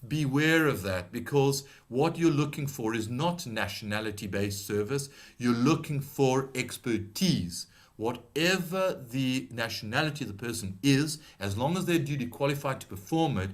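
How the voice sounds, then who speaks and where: A middle-aged British man whose accent carries a slight South African tinge presents an explanatory webinar in a measured, advisory manner. His voice is medium-pitched, and he often says "um" and restarts sentences.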